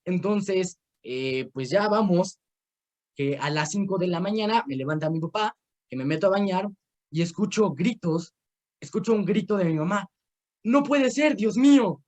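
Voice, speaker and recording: A man's voice: sits high, normal speed, darkish tone. A young man with a Mexican accent teaching an informal Bible course over a video call. He tells personal stories and gives game instructions in a rambling way, full of fillers and restarts. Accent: Mexican Spanish.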